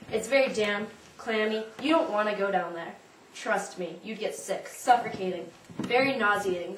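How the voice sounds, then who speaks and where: A woman's voice: mid-range voice, close to an everyday voice. A woman playing a nervous, evasive elderly woman in an audition monologue, rambling and dodging the question, recorded from a distance in a roomy space. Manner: rambling, flustered, dodges the question. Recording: roomy, from a distance, faint noise.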